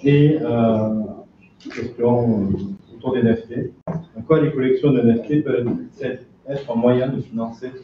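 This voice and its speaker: Male panel host, mid-pitched, halting; heavily reverberant, distant room recording. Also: fairly even intonation, noisy background. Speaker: panel moderator. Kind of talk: live conference moderation. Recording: very echoey, distant, dull room sound.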